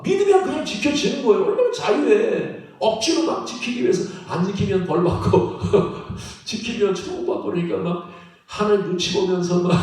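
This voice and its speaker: A man preaching a sermon as pastor, animated and laughing often, often checking in with the congregation. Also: high-pitched. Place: church sanctuary. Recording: echoey church hall from far off.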